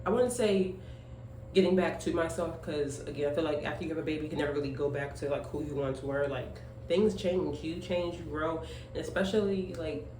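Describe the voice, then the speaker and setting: This young single-mother vlogger, aged twenty-five, chats at home as she grooms, wandering through her talk with many fillers and emphatic side comments. She speaks a little fast in a low, mellow voice with fairly even intonation, recorded off-mic in an echoey room with faint noise.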